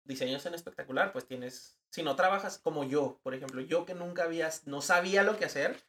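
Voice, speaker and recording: A young man with a northern Mexican accent, a guest in a casual podcast chat, telling animated stories full of slang and acted-out quotes. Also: fairly high pitch, fairly quick. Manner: animated storyteller, slangy, acts out quoted voices. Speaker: guest, advertising designer.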